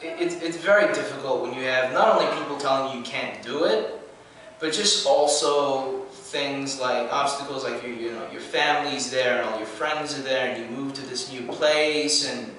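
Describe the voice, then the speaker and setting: Earnest young man, bright echoey voice. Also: mid-range voice, moderate pace, a little hiss or hum. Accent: American, with a trace of New Zealand. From New Zealand. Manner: restless and earnest, many restarts and fillers. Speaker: actor being interviewed. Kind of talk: casual interview. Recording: echoey room from far off.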